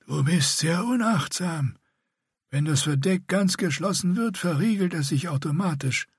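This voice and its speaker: A man putting on a raspy scarred young warrior. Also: on the high side, lively intonation, unhurried, no room sound, clean studio sound, pitched above the performer's own voice, full character voice. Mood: cold. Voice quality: grating raspy voice. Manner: curt and threatening. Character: young scarred one-eyed male warrior, menacing.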